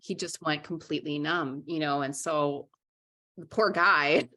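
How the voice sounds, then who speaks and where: A young adult woman from Minnesota, a writer and journalist, speaks as an interview guest in a low, steady voice with a sharp tone and a slightly slow pace. She talks frankly and candidly, often restarting her sentences.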